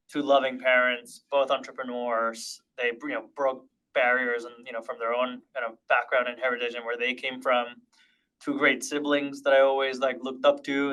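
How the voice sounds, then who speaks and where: A man in his thirties, born and raised in Honduras, tells his story as a podcast guest. His voice is bright and forward, at an ordinary middle pitch. He talks reflectively, with plenty of fillers and restarts. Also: low-quality recording. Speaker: podcast guest, tech partnerships leader. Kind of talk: casual interview chat.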